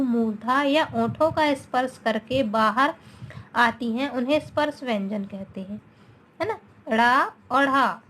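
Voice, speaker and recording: A woman with a high voice teaches a grammar class at a slow, patient pace. She repeats each sound for her students and keeps checking they follow. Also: fairly bright tone. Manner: mixes in English words.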